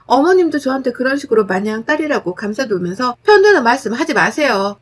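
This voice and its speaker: A woman with a high voice narrates a dramatic first-person story. Her delivery is blunt and firm, sharp-tongued when she argues. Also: big pitch swings, a little fast, husky.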